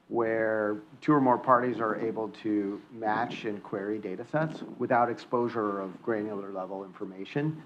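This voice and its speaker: A man with a fairly low voice answers a panel question in a measured, precise way. The sound is slightly dull, with faint room ambience behind him. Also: a little hiss or hum. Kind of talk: panel discussion.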